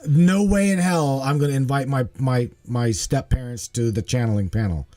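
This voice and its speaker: A man in his forties hosts a casual livestream in a mellow, warm voice. He talks animatedly and emphatically. He repeats himself and keeps checking in with his listener. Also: mid-range voice, normal speed. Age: 40s. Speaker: host.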